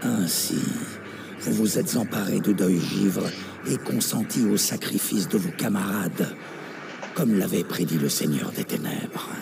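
Booming, gravelly demon lord villain. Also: male voice, measured pace. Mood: ominous, knowing. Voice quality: deep, gravelly. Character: cold, menacing male demon lord villain. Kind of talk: dubbed video game acting. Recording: game audio with clear background noise.

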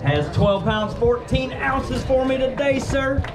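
A man's voice: very high voice, expressive, a little slow, echoey room, over a noisy crowd, very noisy. A man emceeing a fishing tournament weigh-in, joking with the anglers in an upbeat way. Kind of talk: live event emcee banter. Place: outdoor weigh-in stage with a crowd.

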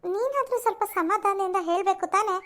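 Sweet cartoon mother-in-law, a woman doing her, gentle and comforting, high voice. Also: fast talker. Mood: soothing. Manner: soothing, motherly. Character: kindly older mother-in-law.

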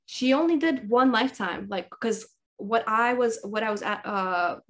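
A woman's voice: on the high side, normal speed, fairly bright tone. A woman in her late thirties from Russia, an energy healer talking in a casual video-call interview from her living room, rambling and full of fillers. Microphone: laptop webcam on video call.

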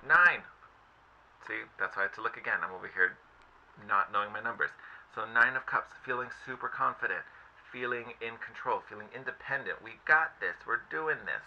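A man's voice: on the low side, brisk, gravelly, sharp tone. A man giving a casual, enthusiastic tarot reading, chatty and effusive, with lots of fillers. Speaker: tarot reader. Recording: slightly dull lo-fi audio with faint noise.

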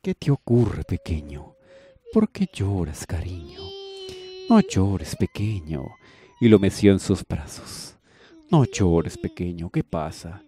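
A man voicing a gentle, tender rich young man who soothes and cares for others. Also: deep voice, measured pace. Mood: soothing. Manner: soothing, affectionate, indignant at injustice.

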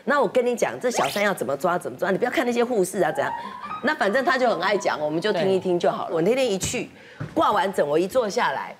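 A woman's voice: medium pitch, animated, fast talker, music in the background. A woman, a guest on a talk show, telling a story in a chatty, confiding way. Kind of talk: casual anecdote on a talk show.

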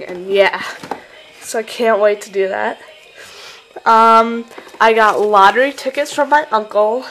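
At night in her bedroom, a New York teen who collects model horses rambles chattily through a show-and-tell vlog, holding the camera herself and using plenty of fillers. Her voice is fairly high and bright, with slight background noise and poor audio quality.

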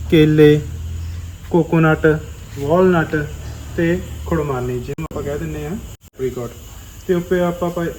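Guy chatting to his vlog viewers, slightly high voice, bit of noise behind. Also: darkish tone, rough recording. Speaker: family vlogger. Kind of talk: casual chat and presenting to viewers.

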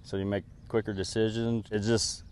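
A middle-aged farmer from the United States speaks matter-of-factly, with pauses and fillers. His voice sits fairly low. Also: flat delivery, darkish tone, clear, resonant tone. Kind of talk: on-camera interview.

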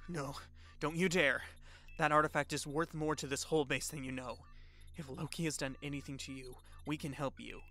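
A dutiful government agent, played by a man in an audio drama roleplay. He is brisk, official and procedural, with faint noise on the recording. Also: on the high side, steady tone, close to an everyday voice. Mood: urgent. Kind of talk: fan audio roleplay acting.

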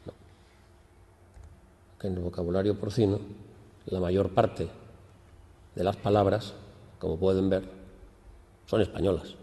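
A man's voice: low-pitched, unhurried, long pauses. A man giving an academic lecture, explaining patiently and lifting his voice when he acts out questions. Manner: explanatory, lively emphasis on questions. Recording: long hall reverb.

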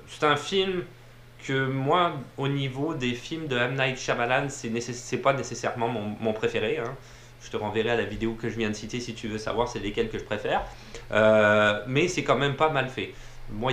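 A film reviewer talks casually about movies in a medium-pitched, slightly bright voice, rambling with lots of fillers and repeated words. He's in a room with a TV playing behind him, and the recording has a roomy echo and faint ambient noise.

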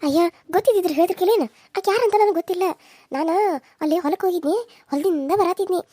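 A woman's voice: very high-pitched, racing, mellow, no echo, studio quality. A woman voicing a worried village woman friend in a cartoon serial, with a North Karnataka Kannada accent, confiding and urgent.

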